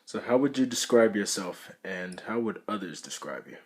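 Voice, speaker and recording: A man's voice: lowish voice, animated, normal speed, slightly rough. A man interviewing, asking brief, plain questions.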